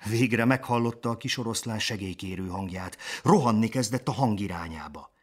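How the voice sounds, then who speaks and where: A man narrating a children's storybook in an expressive, lively way. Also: lowish voice. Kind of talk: storybook reading.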